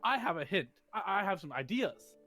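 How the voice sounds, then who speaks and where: A man's voice: high-pitched, sing-song, normal speed, sharp tone, faint music behind. A man playing a tabletop role-playing game, bantering in character in a playful, mock-formal way.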